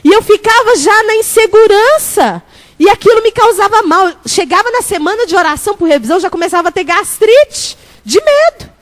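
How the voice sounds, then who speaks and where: A woman bishop preaching a sermon, telling a personal story with lively animation and calling out to the congregation. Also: extremely high pitch, a little fast. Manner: animated storytelling, shouting at peaks; lively, laughing, addresses crowd as "gente".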